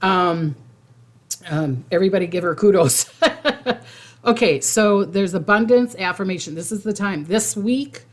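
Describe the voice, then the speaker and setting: A woman's voice: mid-range voice, moderate pace. A woman host talking casually to her viewers, informal and rambling, repeating phrases for emphasis. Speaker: psychic host giving monthly predictions. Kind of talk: casual livestream talk to viewers.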